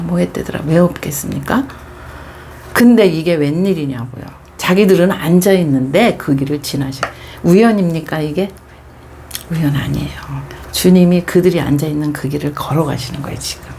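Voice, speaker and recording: A woman's voice: on the low side, a little mellow, a little hiss or hum. A middle-aged woman pastor preaching a Bible devotional, telling the story expressively and dropping into whispers for emphasis.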